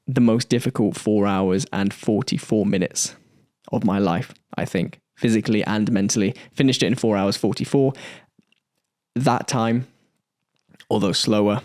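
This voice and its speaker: Podcast host: young man, low-pitched and candid, close dry mic. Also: darkish tone, no room sound. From United Kingdom. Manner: earnest, candid, with emphatic pauses and occasional swearing. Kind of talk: reflective solo podcast monologue.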